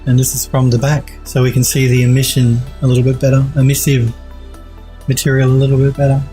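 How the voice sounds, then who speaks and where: A man in his forties, slightly nasal from a head cold, streams from a room at home while reviewing viewers' 3D art with casual enthusiasm. His medium-pitched, mellow voice runs fast and monotone over soft background music. He keeps repeating his praise and restarting sentences.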